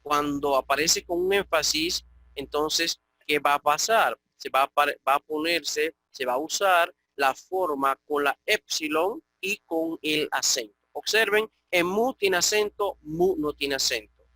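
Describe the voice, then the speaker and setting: A man's voice: fairly high pitch, a little slow, sharp tone, no room sound, rough recording. A man from the Dominican Republic teaching an online Koine Greek class, explaining patiently and often checking in with his students. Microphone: computer mic on an online call.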